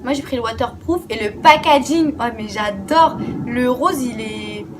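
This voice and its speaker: A woman's voice: on the high side, measured pace, background noise. A young woman chatting casually through a makeup haul, enthusiastic and blunt, often repeating words and dropping the odd swear. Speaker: beauty vlogger.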